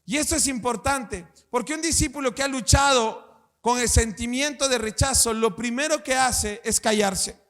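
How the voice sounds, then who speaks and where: A male pastor preaching a sermon, asking rhetorical questions and building up to passionate shouts. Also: extremely high pitch, normal speed, in a large hall.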